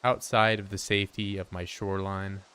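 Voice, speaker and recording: A man's voice: sits low, little pitch movement, moderate pace, fairly bright tone, clean tone. A man giving casual live-stream commentary while he plays, joking dryly and answering his chat aloud. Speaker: game streamer.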